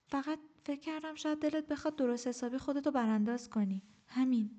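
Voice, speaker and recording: A woman's voice: high voice, steady tone, warm tone, lo-fi sound, voice pushed up, lightly acted. A woman reading an audiobook, voicing a playful young woman who teases her friend. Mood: teasing.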